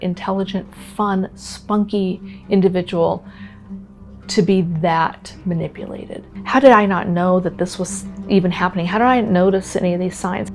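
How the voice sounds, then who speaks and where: A middle-aged woman giving an earnest, reflective testimonial as a parent, sometimes halting with emotion. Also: mid-range voice, darkish tone. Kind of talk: documentary interview testimonial.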